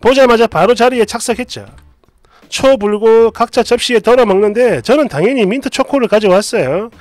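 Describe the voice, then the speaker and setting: A woman's voice: on the high side, brisk, darkish tone, no room sound. A woman narrating a reader's story aloud in a chatty, exasperated way.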